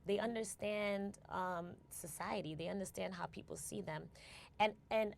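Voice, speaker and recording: This U.S. founder talks with fairly even intonation and some vocal fry, her mid-range voice moving at a moderate pace. Reflecting as a guest in a relaxed interview, she keeps tagging phrases with "right?" and restarting words.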